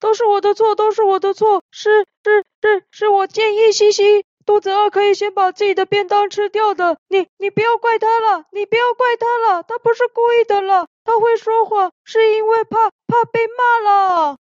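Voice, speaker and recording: Woman as a panicky little boy in a storybook tale, squeaky and rushed, dull lo-fi sound. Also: steady tone, a little mellow, no room sound. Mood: pleading. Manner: stammering, rushed. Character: frantic pleading schoolboy.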